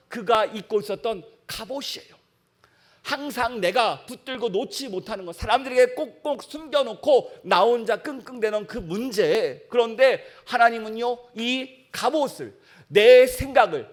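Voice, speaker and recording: A male pastor preaches a sermon in a church, speaking emphatically and filling it with rhetorical questions for the congregation. His pitch is extremely high.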